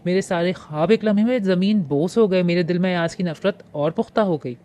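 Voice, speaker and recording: A woman reading a romantic novel aloud in the first person, with expressive storytelling. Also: lowish voice, fairly quick. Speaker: audiobook narrator.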